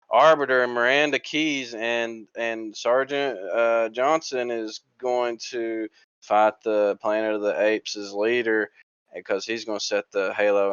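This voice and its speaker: Smooth-voiced man rambling through a joking recap. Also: on the low side, fairly bright tone, no echo, dull audio. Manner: rambling, jokey plot summary with many fillers. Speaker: podcast co-host. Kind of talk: casual chat.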